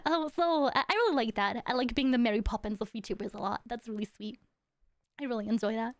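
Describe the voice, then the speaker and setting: Bubbly high-voiced European woman. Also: fast, dry recording. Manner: bubbly, giggly, playfully dramatic. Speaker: podcast host and independent VTuber manager. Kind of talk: casual podcast chat.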